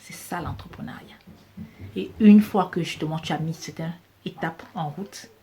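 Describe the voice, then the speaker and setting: Warm and low-pitched at a normal pace, this woman speaks with a Cameroonian French accent. She's a business coach vlogger whose emphatic motivational talk leans on repeated key phrases for emphasis.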